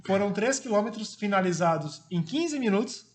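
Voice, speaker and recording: A man's voice: high-pitched, expressive, moderate pace, a little hiss or hum. A man in his forties from Brazil, a former marathon runner telling his story as a guest in a friendly, casual way, with fillers. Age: 40s.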